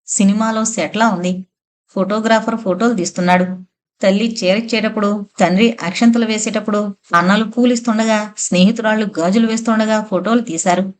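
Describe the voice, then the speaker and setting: A woman narrating an audio novel in a steady, even storytelling manner. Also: medium pitch.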